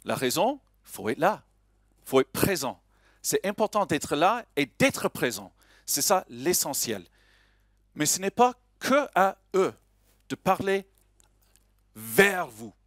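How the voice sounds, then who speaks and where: On a conference hall stage, a man speaking French with a slight foreign accent opens the event live as emcee, lively and joking as he chats with the audience. His fairly high voice moves slowly with frequent pauses, captured in a dry, clean studio-quality recording.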